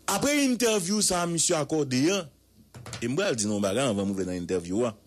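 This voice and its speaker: Proverbs, rhetorical questions and drawn-out, repeated words mark this emphatic radio news commentary. The speaker is a man with a Haitian accent whose fairly high voice has a sing-song quality.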